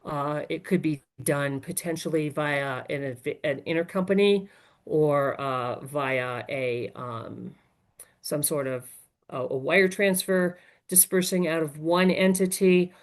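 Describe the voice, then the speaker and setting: A low-pitched, slow-speaking woman works as a software trainer, giving an informal webinar in which she explains things gradually and corrects herself as she goes.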